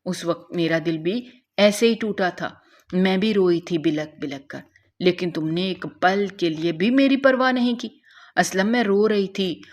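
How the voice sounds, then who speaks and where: A woman's voice: fairly low pitch, darkish tone. A woman narrating a dramatic first-person revenge story in a bitter, emotional manner.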